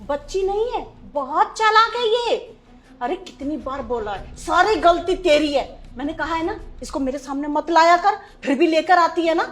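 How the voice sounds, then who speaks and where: A woman playing a bitter, contemptuous grandmother and mother-in-law who scolds her family with sharp commands, in a family short film. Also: very high voice, expressive, normal speed. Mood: scornful. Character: harsh, bitter grandmother who scorns girls.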